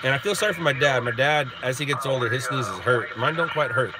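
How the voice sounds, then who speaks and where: A stuffed-up, sniffling middle-aged man hosts a casual live stream while driving, reading viewer chat and rambling through his answers aloud. He speaks briskly and expressively at a medium pitch, and the recording is very noisy.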